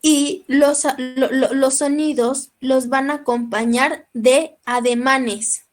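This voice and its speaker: A woman with a Mexican accent lectures a class, checking in with her listeners often and clearing her throat now and then. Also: sits high, steady tone, slow, faint music behind. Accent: Mexican Spanish. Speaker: teacher.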